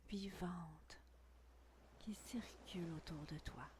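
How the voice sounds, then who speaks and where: A woman whispering a guided meditation intimately, right by the ear, in a breathy, soothing, unhurried voice with long pauses. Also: fairly low pitch, darkish tone, a little hiss or hum. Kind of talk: guided meditation, scripted narration.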